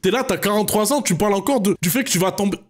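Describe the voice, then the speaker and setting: A man streaming live, reacting to rap tracks in a casual, slangy and blunt way, moving from calm critique to loud, animated outbursts. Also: high voice, rapid-fire.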